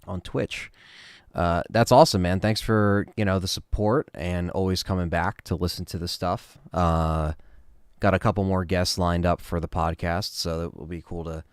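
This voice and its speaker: A man hosting a casual livestream, answering chat questions in a relaxed, rambling way with lots of fillers. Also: low-pitched, normal speed, smooth, no echo, studio quality.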